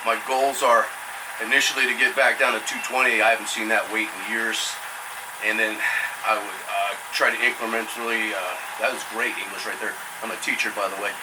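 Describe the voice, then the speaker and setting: A man's voice: on the low side, fairly quick. A man in his fifties chatting casually and rambling as he sits in ice cold water, his voice a little strained by the cold. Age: 50s. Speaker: product reviewer. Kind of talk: casual vlog chat. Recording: distant mic, loud steady machinery hum.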